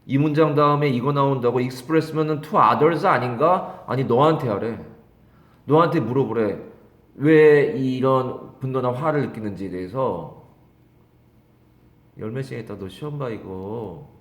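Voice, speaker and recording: A middle-aged male English teacher giving an exam-prep lecture, reading English phrases slowly and then explaining them, often questioning and teasing his students. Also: a little high, echoey room.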